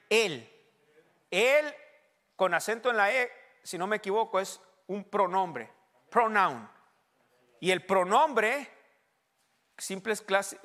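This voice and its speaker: High-voiced man preaching a sermon. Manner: preaching, swings from low asides to loud emphatic reading. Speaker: pastor.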